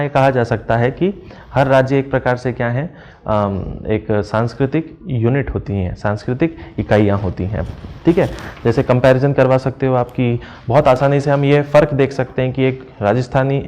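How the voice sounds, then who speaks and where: Here a man with a medium, slightly mellow voice runs an exam-prep lesson. He answers his own questions as he steps through the answers, slowly reading phrases aloud and translating them.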